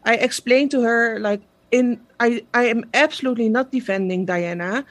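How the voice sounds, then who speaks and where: With a slightly high voice at normal speed, a Dutch woman who runs a social media page chats as an interview guest. She's a native Dutch speaker with a Dutch accent, relaxed and quick to laugh, sprinkling in plenty of fillers.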